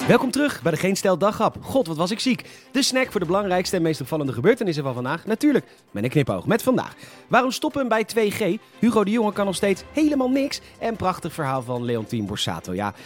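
A man hosting a scripted satirical news show, delivering sarcastic, mock-indignant commentary that sometimes bursts into shouting. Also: high voice, very animated, fast, faint music behind.

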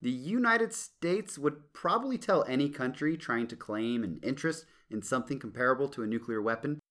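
Male podcast co-host, mid-pitched, easygoing and quick to joke. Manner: relaxed, joking, laughs often. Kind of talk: casual legal podcast chat.

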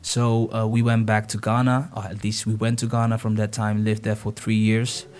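A young man from the Netherlands, a guest talking casually in an interview, relaxed and hesitant with frequent restarts. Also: lowish voice, normal speed.

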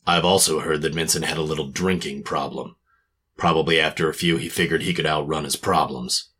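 A man's voice: very deep voice, fairly even intonation, a little fast, pushed and bright, a little hiss or hum. A man playing a cynical hard-boiled private detective, narrating and talking in a clipped, sardonic tough-guy manner in a noir radio drama.

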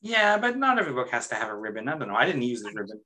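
A man's voice: mid-range voice, very animated, rapid-fire, over a noisy crowd, rough recording. A man co-hosting a casual book-club podcast, explaining at length and using lots of "like". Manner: talkative, explanatory, heavy on "like". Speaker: podcast co-host.

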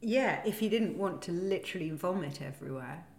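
A woman's voice: fairly low pitch, brisk. A woman co-hosting a casual comedy podcast, giggling often as she chats. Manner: giggly and animated, laughs often. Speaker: podcast co-host. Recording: roomy echoey room with faint noise.

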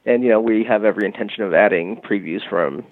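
Over a tinny phone line, a guest from a music marketing company talks quickly in a lowish, dry-sounding voice. He explains his company's product casually, with plenty of "you know" and "um."

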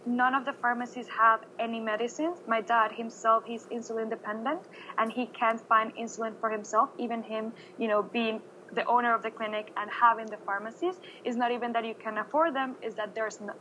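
A woman's voice: on the high side, fairly even intonation, normal speed, sharp tone, highs cut off, a little hiss or hum. A woman, earnestly answering interview questions. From Venezuela. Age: 20s. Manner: earnest, unscripted account.

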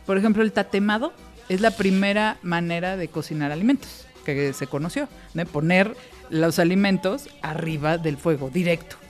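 A woman's voice: lowish voice, moderate pace, soft background music. A woman with a Mexican accent hosting a podcast in casual chat, emphatic and swearing freely. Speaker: podcast host.

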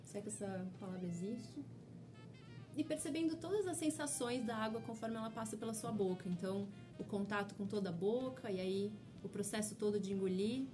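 A woman teacher guiding listeners through a slow mindfulness exercise in a relaxed chat, speaking in a soothing, unhurried way. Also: mid-range voice, over music. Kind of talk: guided mindfulness instruction in a casual chat.

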